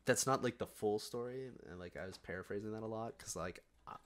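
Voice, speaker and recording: A woman's voice: a bass voice, brisk. A woman co-hosting a podcast in casual chat, rambling and filled with "like"s. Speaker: podcast co-host.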